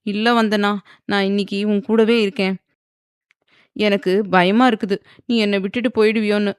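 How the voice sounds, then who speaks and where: Woman doing frail old mother in an audio novel, halting, pleading, fearful, dry close sound. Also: medium pitch, steady tone, clean tone, no room sound, natural voice. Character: worried frail elderly mother, clingy and fearful.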